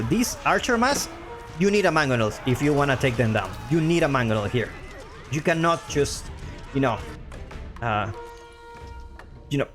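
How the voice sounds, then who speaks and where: A man with a Spanish accent, a native Spanish speaker, casting a strategy game match live and repeating his own phrases as he talks. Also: medium pitch. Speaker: game caster.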